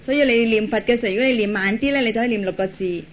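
An interpreter relays a teacher's words phrase by phrase, talking quickly and plainly. The voice stays steady and matter-of-fact. The recording is dull and lo-fi, with a faint hiss behind it. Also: medium pitch. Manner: repeats each phrase briskly, plain and steady. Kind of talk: live consecutive interpretation of a talk.

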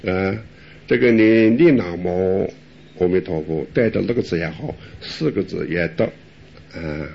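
A man's voice: sits low, a little slow, creaky, husky. An older man, a Buddhist monk, giving a folksy dharma talk, answering questions with rhetorical questions and chuckles. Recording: dull lo-fi recording.

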